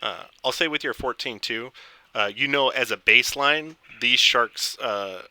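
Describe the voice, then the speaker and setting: A man running a tabletop fantasy game as dungeon master, narrating casually and haltingly as he improvises. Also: medium pitch, pushed and bright, clear, resonant tone, no echo. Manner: halting, informal, searching for words. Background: background game music.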